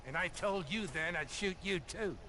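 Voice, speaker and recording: An actor playing a weary old gunslinger who is taunting an old rival. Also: male voice, sits high, normal speed, pushed and bright, slight background noise, rough recording.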